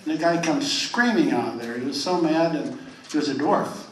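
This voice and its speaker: An older man telling jokes to a live audience in a clubhouse, with folksy, rambling set-ups and quick punchlines. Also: fairly high pitch, a little hiss or hum. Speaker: stand-up comedian. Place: clubhouse of a retirement community. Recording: roomy, distant mic in a hall.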